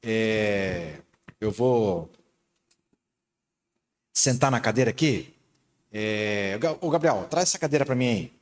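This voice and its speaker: A middle-aged man with a Brazilian Portuguese accent, preaching a lively sermon and playing a game with his congregation. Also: fairly low pitch, takes it slowly, long pauses. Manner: playful, laughing, animated. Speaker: pastor.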